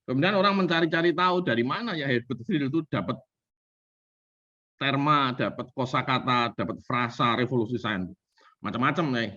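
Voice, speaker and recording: A man's voice: medium pitch, expressive, a little fast, sharp tone. An older man giving an informal lecture, talking conversationally to his audience with frequent fillers. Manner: conversational, frequent fillers like "gitu" and "ya", addresses audience as Bapak Ibu. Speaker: lecturer at a study circle. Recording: muffled lo-fi recording.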